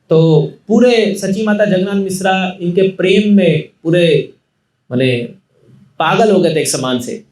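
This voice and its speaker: A man telling devotional stories as a preacher, lively, acting out each character's lines. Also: echoey room, rough recording. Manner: animated, acts out characters' lines with raised pitch. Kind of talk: devotional storytelling sermon.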